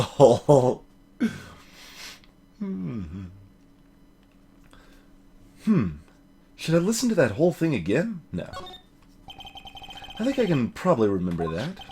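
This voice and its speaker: A man's voice: medium pitch, a little mellow. A man hosting a voiced let's play, chatting casually with his live chat, rambling with many fillers and chuckles.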